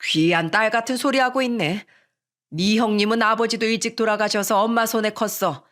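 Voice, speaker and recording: A woman voicing a harsh older mother-in-law from the countryside who nags in a shrill, scornful tone. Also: a little fast, fairly bright tone, lightly acted. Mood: scolding.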